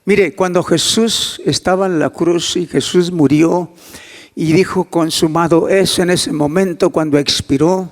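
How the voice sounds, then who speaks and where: A male pastor preaching a sermon, swinging from soft near-whispers to loud emphatic climbs and acting out dialogue in a hushed voice. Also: fairly high pitch, steady tone, unhurried, long reverb tail. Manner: acts out quoted dialogue in a hushed voice.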